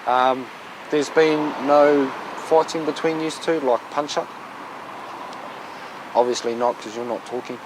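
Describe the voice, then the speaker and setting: A man's voice: medium pitch, steady tone, measured pace, pauses often. A man with a broad New Zealand accent, a police officer speaking firmly and colloquially to members of the public. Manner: firm, plain-spoken, colloquial. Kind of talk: spoken on duty, questioning and explaining to members of the public. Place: outdoors, on the street. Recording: noisy outdoor street, vehicle sounds.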